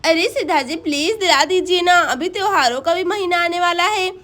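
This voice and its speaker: Woman voicing Pinky, a high whiny pleading wife. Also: a little fast, fairly bright tone. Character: young wife, pleading and sulky. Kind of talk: doll story voice acting.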